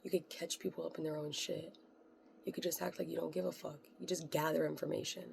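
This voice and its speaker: Woman, astrology reader, casual and rambling, quiet delivery with a crude edge; very gravelly, low and flat. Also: fast, slight background noise. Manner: soft, rambling, blunt and profane. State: voice quiet today. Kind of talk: casual tarot-style astrology talk.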